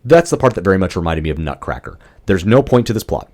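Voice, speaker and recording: Young male podcast co-host, low voice, exasperated ranting reviewer with a loose mouth. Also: sing-song, fast talker, a little mellow. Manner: ranting, exasperated, swears freely. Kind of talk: casual movie review chat.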